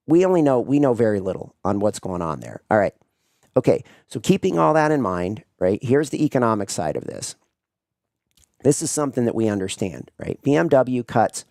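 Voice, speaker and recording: A man's voice: mid-range voice, darkish tone, dry recording, clean studio sound. A man hosting a casual commentary show, rambling and often asking "right?" as he talks. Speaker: host.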